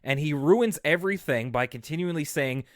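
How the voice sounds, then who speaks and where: A man's voice: fairly high pitch, animated, moderate pace, no echo, clean studio sound. A man co-hosting a podcast, recapping a cartoon episode in a chatty, wry way with many fillers. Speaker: podcast co-host. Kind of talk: casual chat.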